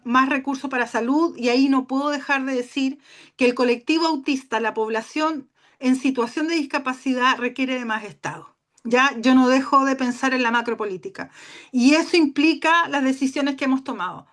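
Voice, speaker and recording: Passionate woman, high and shrill. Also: fairly bright tone. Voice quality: shrill when tired. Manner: passionate, emphatic, with fillers. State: tired. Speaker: guest speaker. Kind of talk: webinar talk.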